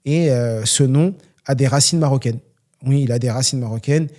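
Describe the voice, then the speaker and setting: Hosting his own Q&A podcast, this young trainer from France sounds earnest and motivating, dropping plenty of fillers along the way. He has a warm, mid-range voice and keeps a moderate pace.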